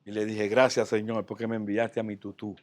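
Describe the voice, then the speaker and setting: A man, a pastor, telling a personal story in a sermon, swinging from soft asides to loud, excited outbursts. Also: on the low side, fairly quick.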